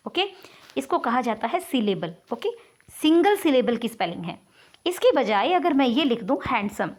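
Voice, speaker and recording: A woman gives an online English grammar lesson in a high, light voice. She explains patiently, step by step, and pauses often to check that her students are following. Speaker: English teacher.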